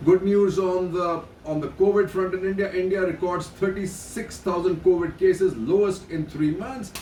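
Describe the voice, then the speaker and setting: A middle-aged man runs through the day's headlines in a loose, casual way, tossing in blunt comments of his own. His voice sits a little high and sounds set back from the microphone in an echoey room, with faint ambience behind him. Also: steady tone, moderate pace, mellow, recorded from a distance, a little hiss or hum. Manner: reads headlines then adds blunt asides; hesitant restarts between headlines. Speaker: news commentator.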